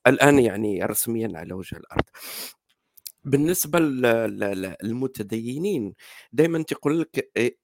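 A man's voice: medium pitch, vocal fry, dry recording, clean studio sound. A man with a Moroccan Arabic accent, talking hesitantly in a casual online debate with many fillers and restarts. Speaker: discussion participant.

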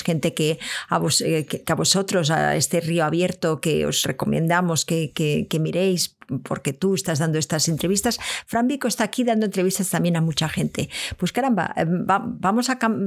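Creaky-voiced woman hosting a live stream. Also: lowish voice. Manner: reads viewer comments aloud, chatty. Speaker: host.

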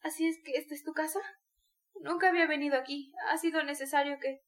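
A woman's voice: high-pitched, steady tone, quick pace, lightly acted. A woman voicing a dying mother in delirium, feverish and torn between pleading and rage, in an audiobook reading.

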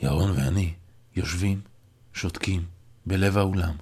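A man narrating a novel aloud in the first person, in a measured, reflective way. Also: deep voice, a little mellow, breathy edge. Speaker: audiobook narrator.

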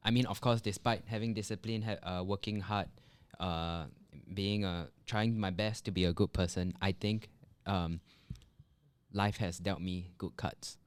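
A man's voice: sits low, steady tone, measured pace, clear, resonant tone, no room sound. A man talking in a casual podcast chat among friends. He is thoughtful and hesitant and often restarts his sentences.

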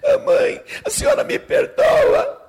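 A male preacher voicing a tearful, guilt-ridden little girl in a high, sobbing voice during a sermon story. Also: steady tone, takes it slowly, long reverb tail, full character voice. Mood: tearful, pleading. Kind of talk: sermon illustration.

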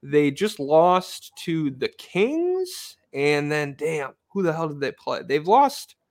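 A man's voice: on the high side, sing-song, slow, no room sound, clean studio sound. A man co-hosting a podcast, chatting loosely about basketball with lots of fillers and the odd swear word. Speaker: podcast co-host. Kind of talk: casual basketball chat.

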